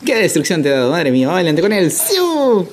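A man's voice: on the high side, expressive, rapid-fire, background noise. A man streaming a football game live, calling plays like a sports caster and repeating phrases in chant-like bursts. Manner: playful hype shouts.

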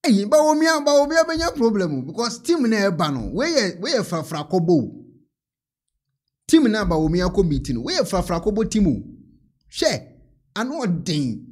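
A man in his thirties with a Ghanaian accent comments casually from a small indoor studio into a mic on a stand. His voice sits a little high, and he laughs often and switches between languages. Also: normal speed. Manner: laughing, animated, mixes in English. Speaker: reaction host.

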